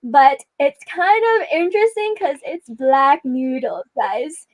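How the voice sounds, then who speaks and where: Young woman host, high voice, dry close sound, giggly chatty livestream. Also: big pitch swings, slow pace, no echo, rough recording. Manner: giggly, chatty, frequent laughter. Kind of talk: casual livestream chat.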